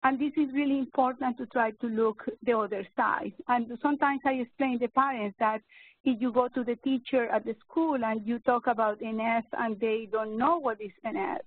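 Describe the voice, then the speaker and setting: A woman in her fifties, a neurologist giving an educational webinar talk, speaking slowly and hesitantly with many fillers and restarts. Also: a little high, fairly even intonation, slightly rough, no echo. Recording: narrow phone-like webinar audio, dry.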